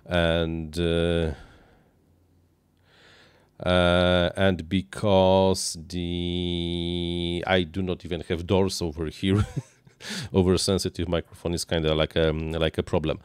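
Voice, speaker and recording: A man in his thirties with a deep, nasal, smooth voice delivers flatly, stumbling through uhs, restarts, and non-native phrasing. He's live-streaming an RC model plane build with unscripted chat from a small indoor workshop desk. His close boom-arm dynamic mic and headphones capture no room sound.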